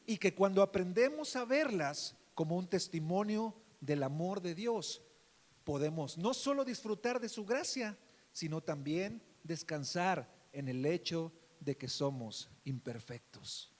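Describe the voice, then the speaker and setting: A man pastor with a Mexican Spanish accent preaching a sermon, calling listeners beloved brother and asking "right?" often, swinging between loud emphasis and soft asides. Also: high voice, lively intonation, measured pace, long reverb tail. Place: church.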